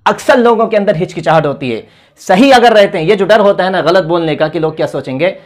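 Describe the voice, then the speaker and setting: A man from India teaching English grammar, slowly reading out English example sentences and translating each one, then giving encouraging advice. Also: sits high. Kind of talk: spoken grammar lesson.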